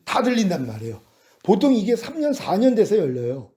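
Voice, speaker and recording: A male pastor preaching a sermon, acting out lively dialogue to illustrate his points. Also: high-pitched, brisk. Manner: animated preaching with acted-out dialogue.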